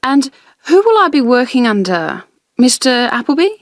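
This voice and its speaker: A woman's voice: high voice, big pitch swings, normal speed, no room sound, studio quality. A woman playing a keen new shop employee, asking polite questions in a scripted listening-test dialogue. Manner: polite, inquiring.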